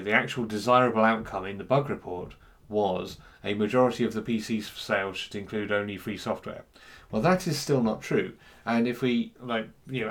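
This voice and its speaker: A man giving an unscripted talk on software freedom, hesitant and full of fillers and restarts. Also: fairly low pitch, vocal fry. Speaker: speaker on free software.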